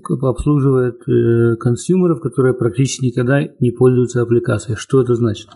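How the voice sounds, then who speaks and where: A man in a technical conversation who keeps pressing his colleague with questions and objections. His voice is mellow and a little husky, at an ordinary pitch. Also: steady tone, a little fast. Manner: challenging, questioning. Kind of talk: technical discussion.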